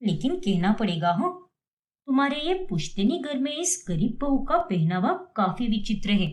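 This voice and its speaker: A woman's voice: on the high side, sing-song, normal speed, voice pushed down. Woman doing a snide gossiping neighbor. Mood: mocking. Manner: sarcastic, taunting.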